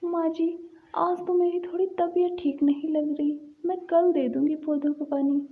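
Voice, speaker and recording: A sulky, lazy young daughter-in-law from a cartoon story, as a woman puts her on, whining and petulant. Her voice sits high. The sound is thin and phone-like. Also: fairly even intonation, measured pace. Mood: whiny. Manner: whiny and petulant.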